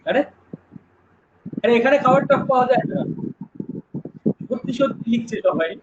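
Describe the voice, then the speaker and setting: A man runs a live online lesson. He explains in a chatty, lively way and keeps putting questions to his students. The stream sounds dull and lo-fi, with steady noise behind him. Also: extremely high pitch, moderate pace. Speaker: online exam-prep teacher.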